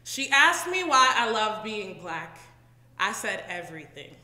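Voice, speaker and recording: A woman in her thirties performing spoken word poetry in a proud, punchy, animated way. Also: medium pitch, measured pace. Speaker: poet. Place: community room, indoors. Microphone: stand mic. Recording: echoey room with long reverb.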